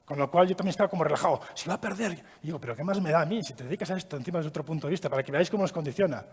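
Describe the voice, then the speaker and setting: A man giving a training talk to an audience, lively and asking them questions as he goes. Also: a little high, racing, breathy edge. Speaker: trainer giving a child-protection course. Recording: long hall reverb.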